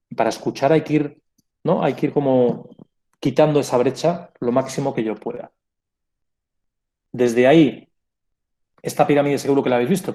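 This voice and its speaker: Mellow-voiced man giving a conference talk. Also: mid-range voice. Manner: reflective, explanatory, with self-corrections and rhetorical asides. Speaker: conference speaker.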